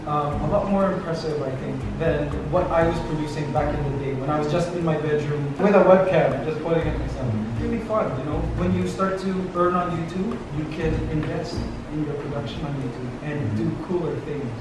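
A man in his thirties from Canada, an animated guest answering questions in a TV studio interview. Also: fairly high pitch, a little fast, few pauses. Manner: upbeat, animated, gestures while talking. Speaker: guest on a TV talk show. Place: large TV studio set. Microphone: camera from off the set. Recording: echoey studio from far off, noisy.

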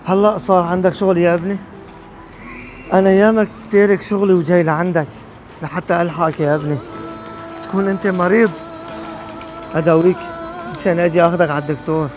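A man's voice: high-pitched, steady tone, fairly quick, long pauses, soft background music, natural voice, poor audio. A man playing an aging father in a street drama, speaking in an emotional, pleading way. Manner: emotional, pleading, rising to shouts. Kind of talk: amateur street drama acting.

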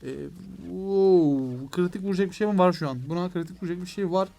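Fast, high-pitched excitable young man. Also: soft background music. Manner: excitable, addresses viewers as "gençler"; talks to the game, mock outbursts of frustration. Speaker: gaming YouTuber. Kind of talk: mobile game let's play commentary.

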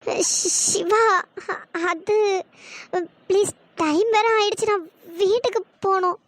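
A performer voicing a shy, flustered young woman who stammers, in a pitch-shifted cartoon voice. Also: slow pace, a bit bright, dry recording, heavily acted. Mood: flustered, teasing. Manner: hesitant, stammering.

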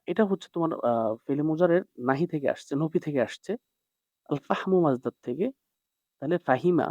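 A man's voice: on the high side, a little mellow, no room sound. A man teaching an Arabic text line by line, translating each word and checking in with his students. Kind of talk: classroom lesson explaining a text. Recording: dry, dull lo-fi sound.

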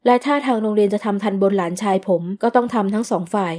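A woman voicing a cool young businessman who answers in a flat, even, calm tone in an audio novel. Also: mid-range voice, fast talker, lightly acted. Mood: calm firm.

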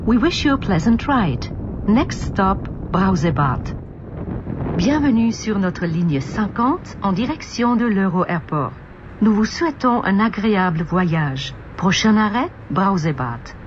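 Over a bus loudspeaker, a woman's recorded voice announces the stops in a slow, measured, formal, sing-song way. The sound is muffled, coming from a moving city bus, with engine noise and road rumble in the background.

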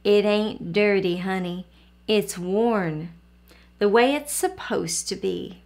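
A proud old grandmother drawls her homespun folksy speech slowly, drawing words out as she muses over her quilt, put on by a woman reading a storybook aloud. She sounds older and gentle, speaking at an unhurried pace. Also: mid-range voice. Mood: fond. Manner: folksy dialect speech, slow and drawn out.

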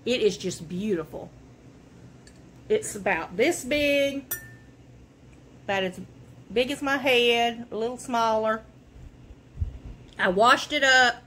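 A woman's voice: fairly high pitch, measured pace, pauses often, pushed and bright, slight background noise. A woman, chatting folksily from her living room as she shows off her thrift finds to the camera. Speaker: vlogger showing a thrift haul. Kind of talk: casual show and tell.

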